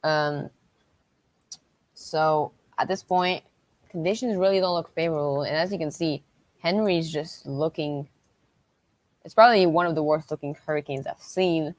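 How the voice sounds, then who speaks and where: On her weather-tracking livestream, a low-pitched woman gives unscripted storm updates, stopping and starting and circling back. There's no echo.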